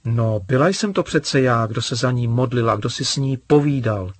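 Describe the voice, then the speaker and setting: A man's voice: medium pitch, slightly rough, no echo, natural voice. A man voicing an indignant, hurt young girl who talks in a complaining, sulky way. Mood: defensive.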